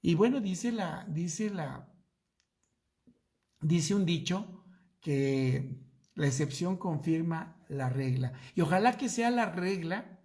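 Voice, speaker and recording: A man's voice: a little high, animated, darkish tone. A middle-aged man with a Mexican accent, a pastor telling a personal story in a Bible study sermon and acting out dialogue. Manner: slow, drawn-out storytelling with acted-out dialogue.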